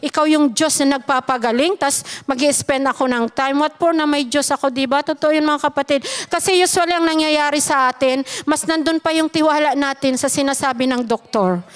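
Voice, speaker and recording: A woman's voice: high voice, a little fast, few pauses. A Filipino woman giving an earnest personal testimony to a church congregation, emphatic and often addressing her listeners as brothers and sisters.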